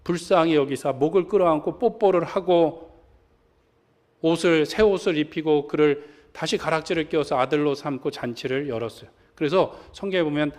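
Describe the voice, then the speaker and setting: Male pastor, fairly high voice, sermon with questions thrown to the pews. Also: moderate pace, darkish tone. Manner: asks the congregation questions and acts out quoted lines. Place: church sanctuary.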